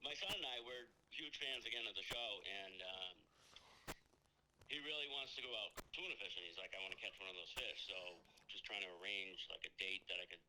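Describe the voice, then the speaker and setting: A man calling as a customer, making a casual, halting phone inquiry. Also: on the low side, noisy background. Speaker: phone caller, prospective charter customer.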